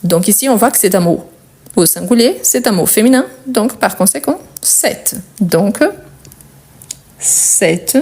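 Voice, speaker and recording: A woman with a first language of Portuguese teaches grammar in a very slow, measured way. She says each example word twice or three times so learners can follow. Her voice sits in a mid range. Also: medium pitch, animated, warm tone, breathy edge. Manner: slow, deliberate, repeats words for learners. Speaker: French teacher. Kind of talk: grammar lesson.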